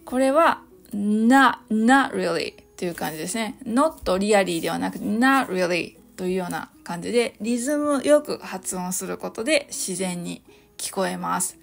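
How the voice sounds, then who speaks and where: A woman hosting a solo podcast lesson on English phrases. She explains cheerfully and slowly models each phrase in English. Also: lowish voice, expressive, creaky. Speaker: English teacher, podcast host. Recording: light background music.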